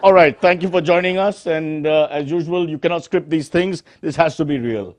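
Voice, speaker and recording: A man's voice: fairly high pitch, moderate pace, a little hiss or hum. A man with an Indian accent hosting a satire show as a parody news anchor, mock-serious and exclamatory, with exasperated asides.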